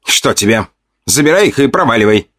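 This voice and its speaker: A man's voice: mid-range voice, sing-song, a little slow, dry recording, clean studio sound, voice pushed up. A man voicing an angry, proud female elf goddess in an audiobook, snarling commands.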